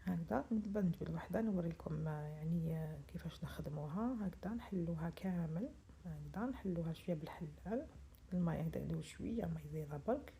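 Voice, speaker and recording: A middle-aged woman with an Algerian Arabic accent, explaining a pastry recipe step by step in a soft, often half-whispered voice, dropping in French words. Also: on the low side, fast, slight background noise. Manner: speaks softly, often half-whispering early in the morning; chatty, instructive, switches into French words. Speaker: home cook selling pastries to order. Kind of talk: cooking tutorial narration.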